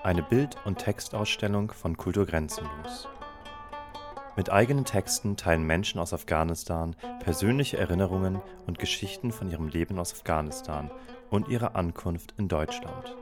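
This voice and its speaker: A man giving a measured, formal scripted introduction to an exhibition reading. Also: low-pitched. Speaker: announcer. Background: plucked zither music.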